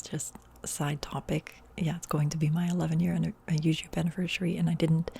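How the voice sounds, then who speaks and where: Low gravelly whispering woman. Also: slight background noise. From Netherlands. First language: Dutch. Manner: soft whisper, rambling and chatty with many fillers. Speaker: ASMR YouTuber. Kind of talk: whispered role-play.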